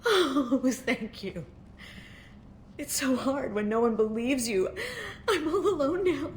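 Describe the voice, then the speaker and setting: A woman's voice: lowish voice, a little slow, darkish tone, a little hiss or hum, close to an everyday voice. A woman acting a grieving, sighing, tearful mother. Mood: tearful grief. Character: grieving mother of a murdered daughter, despairing. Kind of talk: game voice acting, dramatic dialogue.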